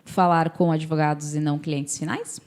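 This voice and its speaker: A woman's voice: low voice, steady tone, moderate pace, darkish tone, clean tone. A Brazilian woman hosting a podcast, teasing her guest and speaking to the audience in a playful, casual way. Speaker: podcast host.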